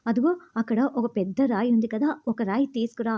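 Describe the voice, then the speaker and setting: A woman's voice: on the high side, brisk, warm tone, dull audio, a little hiss or hum, natural voice. A woman voicing a stern, impatient young man on the run, scolding and bossy.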